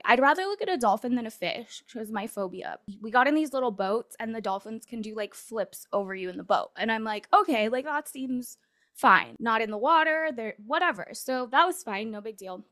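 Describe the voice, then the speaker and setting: A woman's voice: a little high, a bit bright. A woman co-hosting a podcast, telling a story in casual chat with lots of fillers and restarts. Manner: rambling, filler-heavy storytelling. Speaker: podcast co-host.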